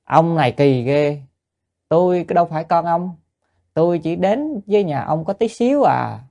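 A man voicing a small child who brushes off a stranger indifferently, in a slightly raised gravelly voice. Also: fairly high pitch, lively intonation, moderate pace, warm tone, pitched above the performer's own voice. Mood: dismissive. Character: small child, dismissive and carefree.

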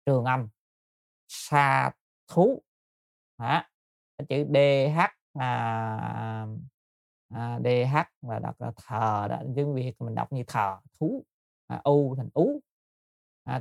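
Gravelly-voiced man giving a dharma talk. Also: medium pitch, no echo, clean studio sound. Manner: patient, explanatory, addresses listeners politely with frequent hesitations. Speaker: Buddhist teacher.

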